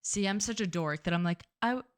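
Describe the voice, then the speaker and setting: A woman's voice: mid-range voice, fast talker, clean tone. A young woman co-hosting a podcast in casual chat, talking chattily and self-deprecatingly with lots of "like.". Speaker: podcast co-host.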